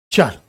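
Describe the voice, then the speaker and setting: A man teaching an online spelling class, dictating words slowly and repeating each one, calling his students his children. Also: a bit bright. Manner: calls students "बेटा" and "मेरे बच्चों".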